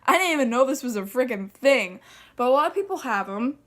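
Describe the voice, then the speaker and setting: A woman's voice: sits high, expressive, fairly quick, a bit bright. Chatty, profane young woman telling a story. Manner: chatty, profane, full of fillers. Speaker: vlogger. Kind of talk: casual storytelling.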